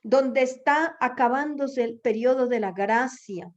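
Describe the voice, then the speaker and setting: High-voiced woman preaching with urgency. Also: a little slow. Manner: exhorting, rhetorical questions, repeats phrases for emphasis. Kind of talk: sermon. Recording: dull lo-fi recording.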